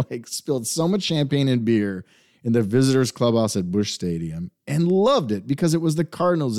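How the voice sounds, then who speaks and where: Chatty self-deprecating man, mellow voice. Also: mid-range voice. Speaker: podcast co-host. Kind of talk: casual sports chat.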